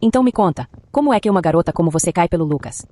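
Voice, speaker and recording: A woman's voice: on the low side, expressive, racing, dark tone. A woman doing a sugary, two-faced young woman. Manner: sugary, with hidden barbs. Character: sweet-talking manipulative young woman, falsely innocent.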